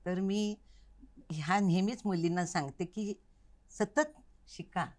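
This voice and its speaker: Speaking slowly in a fairly low voice, an older Kathak dance teacher reflects as a guest in a studio interview. Her manner is earnest and instructive, with emphasis placed on her key points.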